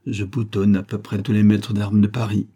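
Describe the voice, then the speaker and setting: Male reader as a poised aristocratic duelist, low and husky, audiobook. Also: level tone, normal speed, mellow, muffled recording. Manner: cool, poised. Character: calm, elegant swordsman baron.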